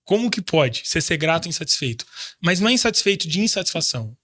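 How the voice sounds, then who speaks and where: A man's voice: on the high side, sing-song, fast talker, fairly bright tone, no room sound, clean studio sound. A man in his thirties from Brazil, a guest in a casual interview, talking in a reflective, faith-driven way with frequent restarts. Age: 30s. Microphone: studio microphone.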